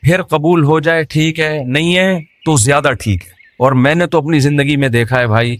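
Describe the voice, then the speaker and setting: Joking Urdu-speaking preacher, high dry voice. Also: male voice, dry recording. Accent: Pakistani Urdu. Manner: jokes, rhetorical questions, acts out quoted people. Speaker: Islamic scholar. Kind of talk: humorous sermon.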